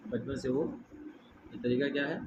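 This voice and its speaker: A middle-aged man, teaching a religious lesson in a hall. He keeps asking his listeners questions and has them repeat phrases back. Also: mid-range voice. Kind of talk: religious lesson with call-and-response. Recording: muffled with steady background noise.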